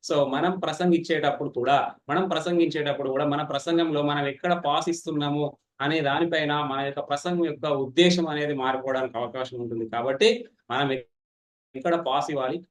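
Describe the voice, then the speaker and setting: A man, teaching public speaking in an online class, fast and animated, teasing participants. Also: on the high side, roomy sound. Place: online meeting.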